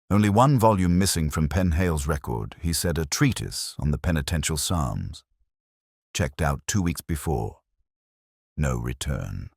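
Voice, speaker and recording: A man whose extremely deep voice carries vocal fry and a breathy edge recounts a first-person detective story slowly and reflectively, with a literary touch and animated pitch. The recording is dry, with hardly any room around it.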